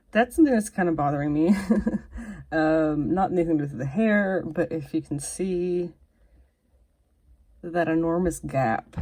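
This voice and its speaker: A woman's voice: low voice, dark tone, slightly rough. A woman reviewing and unboxing a collectible figure in casual, self-deprecating chat, drifting into whispers while she fiddles with it. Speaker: toy reviewer.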